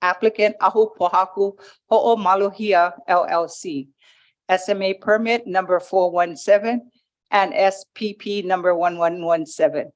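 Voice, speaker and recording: A woman from Hawaii giving public testimony at a planning hearing, reading a prepared statement into a table microphone and halting over the legal wording. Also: medium pitch, fairly even intonation. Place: county planning commission hearing room.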